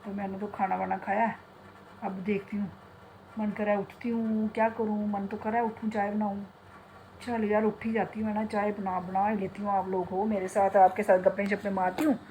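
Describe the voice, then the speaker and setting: A woman's voice: mid-range voice, flat delivery, moderate pace, dark tone. Middle-aged woman, home vlogger, rambling chatty delivery, phone audio with faint room hiss. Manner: chatty, rambling, talks to her pet. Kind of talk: casual chat to camera. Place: home kitchen and bedroom. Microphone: phone in hand.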